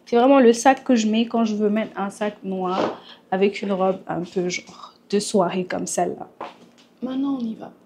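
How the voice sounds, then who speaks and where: At home in Montreal, a Senegalese woman vlogs in a chatty way, slipping English phrases into her speech. She is getting over a cold and sounds a bit congested, speaking at normal speed in a mid-range voice over a noisy background.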